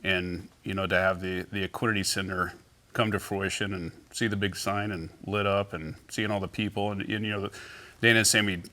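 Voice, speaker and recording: A middle-aged man with a low voice sits for an interview as a company founder. He tells his stories in a loose, easygoing way, padding them with fillers and restarts. His tone is bright and forceful despite the low pitch. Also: fairly quick. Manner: relaxed, anecdotal, many fillers and restarts. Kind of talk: casual interview storytelling.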